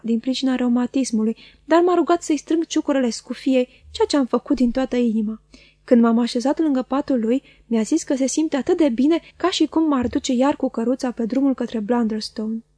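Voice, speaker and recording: A woman reads a classic novel aloud in a measured, literary way. Her voice is high yet mellow, with a husky, breathy grain. The recording is dry and close, with no room sound. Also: no room sound. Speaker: audiobook reader. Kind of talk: scripted audiobook narration.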